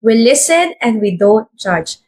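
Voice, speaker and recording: Young filipina woman, deadpan confessions in a skit, a bit high voice. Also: slow pace, a little hiss or hum, rough recording.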